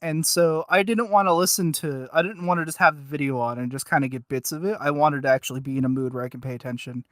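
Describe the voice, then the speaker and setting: A podcast co-host, a man with a fairly high, fairly bright voice, talks quickly with few pauses and fairly even intonation. His casual, unscripted review chat is hesitant and rambling, packed with filler words. The clean studio recording has no echo.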